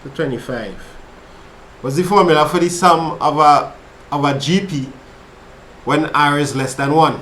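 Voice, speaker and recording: Fairly high-pitched and measured, pausing often, a man with a Trinidadian accent tutors maths on a casual livestream. He's relaxed and chatty, reading chat aloud while working problems and talking with viewers between steps in this study session. The sound is reverberant, with a little hiss or hum.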